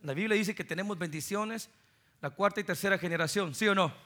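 A middle-aged Guatemalan man preaches with a Guatemalan Spanish accent. His voice is strikingly bright and sits a little high for a man. He moves between loud, driving proclamations and hushed, low asides as he tells his stories. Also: brisk. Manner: animated storytelling, swinging from loud preaching to soft, low asides. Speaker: pastor. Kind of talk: sermon.

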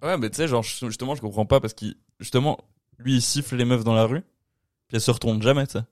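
A man's voice: mid-range voice, fast talker, darkish tone, dry recording, studio quality. Swiss French young man hosting podcast. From Switzerland. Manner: joking, chatty, laughs often. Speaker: podcast host. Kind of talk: casual podcast chat. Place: hotel room.

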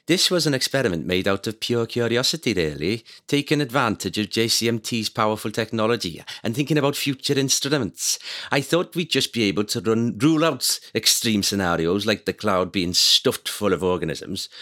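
A man's voice: on the low side, expressive, moderate pace, sharp tone, voice pushed up. A man voicing an earnest female Welsh professor, reading out her quote in a put-on Welsh accent.

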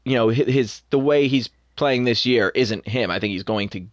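A young man co-hosting a podcast in a casual sports chat, opinionated and animated. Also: medium pitch, no echo, clean studio sound. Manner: opinionated, animated, quick asides. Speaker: podcast co-host.

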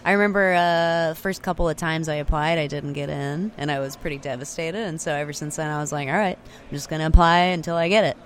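This interview guest, a young singer-songwriter from Austin, Texas, talks quickly with hardly any pauses in a low, fairly even voice, chatty and leaning on "like," fillers, and restarts. A handheld recorder with external mics captured her at a remote location, and there's slight background noise.

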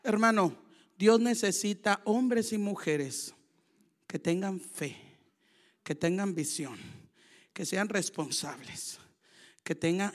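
An older woman preaching a sermon, emotional, swinging from soft murmurs to loud shouts. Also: on the low side.

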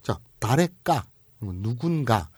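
A man co-hosting a casual comedic Japanese lesson podcast, teasing his partner with deadpan jokes. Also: mid-range voice, unhurried, slightly rough, no room sound, studio quality. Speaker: co-host teaching Japanese.

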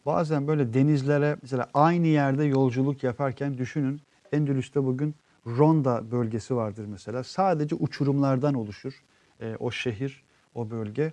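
A man co-hosting a casual live show, reading viewer comments and explaining at length in an earnest way, often trailing off with drawn-out fillers. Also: medium pitch, warm tone, dry recording. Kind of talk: casual live-stream chat.

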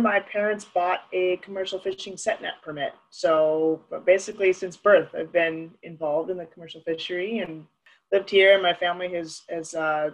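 A woman raised in Alaska, answering interview questions earnestly and often pausing with ums and restarts. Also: fairly low pitch, poor audio.

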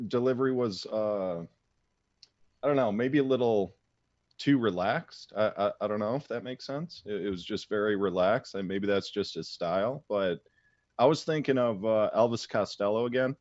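A man co-hosting a music show, reviewing a song in a halting, word-repeating way. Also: medium pitch, no room sound. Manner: halting, repeats words, relaxed. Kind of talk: casual review chat. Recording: dry, slightly dull remote audio.

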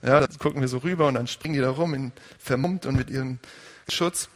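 A man's voice: mid-range voice, a little fast, in a large hall. A male pastor preaching a conversational sermon and putting questions to his congregation.

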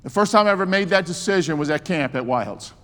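A man's voice: on the high side, lively intonation, quick pace, a bit bright. A man in his sixties preaching a sermon with emphasis and joking asides. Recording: long hall reverb.

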